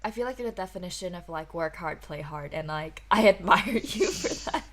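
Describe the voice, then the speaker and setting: A woman's voice: lowish voice, lively intonation, brisk, crowd noise. A woman in her twenties from Hong Kong, hosting a casual podcast and chatting with lots of "like" and restarts. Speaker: podcast host.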